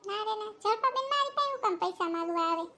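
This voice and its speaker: A woman's voice: extremely high pitch, expressive, quick pace, pushed and bright, heavily acted. A woman voicing a curt, defensive neighbor woman in a cartoon, with a Kathiawadi Gujarati accent. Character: snappy, busy neighbor woman.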